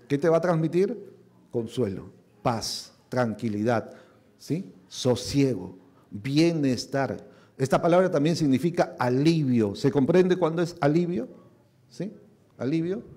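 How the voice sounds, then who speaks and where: A man's voice: mid-range voice, animated, unhurried, dark tone. A pastor preaching a conversational sermon, often checking with his listeners and repeating key words.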